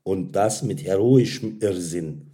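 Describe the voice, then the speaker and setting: A man voicing a calm, witty woman in a read-aloud story, speaking dry and teasing. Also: low voice, takes it slowly. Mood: wry.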